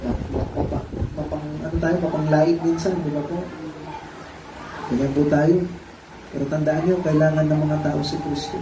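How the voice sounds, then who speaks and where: A Filipino pastor preaching with animated questions to his congregation. His voice sits high. It comes through a distant mic in an echoey church hall, with clear background noise. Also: moderate pace. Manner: animated, asks the congregation questions, acts out the blind man's cries. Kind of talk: sermon. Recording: echoey room, far from mic, noisy.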